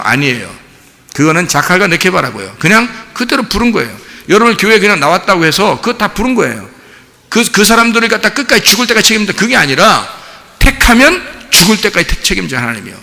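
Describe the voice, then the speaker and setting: A male pastor preaching a sermon with animated delivery, often firing rhetorical questions at the congregation. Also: sits high, creaky, long reverb tail. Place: church sanctuary.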